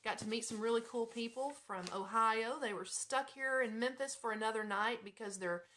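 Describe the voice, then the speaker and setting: An American woman hosts a casual live radio show, chatting informally as she moves between reading items and talking to listeners, breaking into giggles and asides. Her voice is on the high side and a bit bright, at normal speed. A little hiss or hum is audible.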